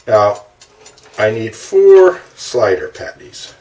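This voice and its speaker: A man hosting a low-budget cooking show, talking through each step of a recipe in a relaxed, chatty way while he cooks in his kitchen. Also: slow pace. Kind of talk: casual cooking demonstration. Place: home kitchen. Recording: distant mic with kitchen noise.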